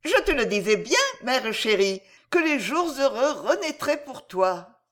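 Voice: medium pitch, very animated, measured pace, fairly bright tone, pitched above the performer's own voice. An audiobook reader voicing an impetuous, joyful young noblewoman speaking to her mother. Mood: tender. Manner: eager, childlike joy. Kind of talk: audiobook reading of a historical novel.

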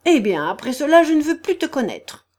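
A furious older noblewoman , put on by a woman reader, pitched well above the reader's own voice and loud. She scolds in shrill bursts, domineering and quick to anger, in an audiobook reading. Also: animated, lightly acted. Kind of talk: audiobook character voice.

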